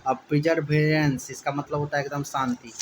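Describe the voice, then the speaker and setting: A man teaches spelling to exam students, spelling out each word letter by letter and slowly repeating every syllable. His voice is fairly high and his delivery flat, with noise in the background.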